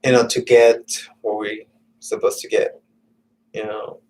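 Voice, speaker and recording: A man in a casual, rambling vlog monologue, halting and meandering with many restarts, sometimes dropping to a muttered whisper. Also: fairly low pitch, little pitch movement, darkish tone, rough recording. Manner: drops to muttered, whispered asides. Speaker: vlogger.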